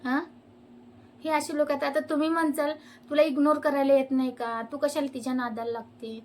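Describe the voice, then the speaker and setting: A woman's voice: high-pitched, little pitch movement, fairly quick, a little mellow. A young woman, venting her fed-up complaints about neighbours straight to her viewers as a vlogger. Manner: fed-up ranting. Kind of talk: complaining to camera.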